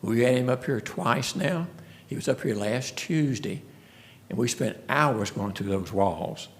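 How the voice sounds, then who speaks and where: Man at a town meeting, gravelly, folksy storyteller. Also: mid-range voice, lively intonation, measured pace, slight background noise. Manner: folksy storytelling, frequent restarts. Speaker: speaker at a city commission meeting. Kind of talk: casual presentation.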